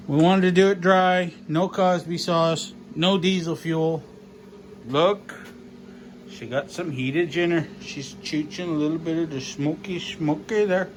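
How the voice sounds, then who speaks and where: A man's voice: fairly high pitch, steady tone, a little slow, a little hiss or hum. A man vlogging about his engine work, rambling and joking as he goes, swearing casually. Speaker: mechanic vlogger. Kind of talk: casual workshop vlog.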